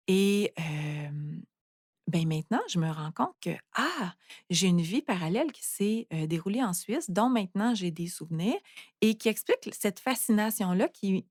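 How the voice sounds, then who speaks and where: A woman's voice: mid-range voice, darkish tone, no room sound, studio quality. A Canadian woman, hosting a spiritual talk and explaining things in a reflective way with many fillers. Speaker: spiritual podcast host. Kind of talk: calm explanatory monologue.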